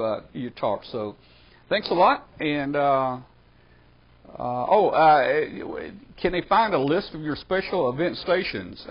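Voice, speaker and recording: A man's voice: a little high, husky. A man hosting a live ham radio webcast, talking in an easygoing way with many trailing fillers. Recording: slightly dull webcast audio with faint noise.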